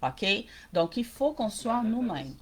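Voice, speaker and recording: A woman's voice: a little high, very animated, takes it slowly, darkish tone. Female coach with a mixed Québécois-Brazilian accent, live-stream workshop host, direct with viewers and checking in often. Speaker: small-business coach.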